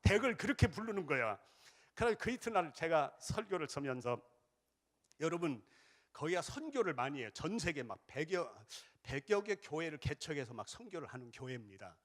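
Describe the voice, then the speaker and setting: A man preaching a revival sermon as pastor, with a Jeolla accent, shouting chants for the congregation to repeat and then dropping into chatty storytelling. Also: fairly high pitch. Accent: Jeolla Korean. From Jeolla, South Korea. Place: church sanctuary.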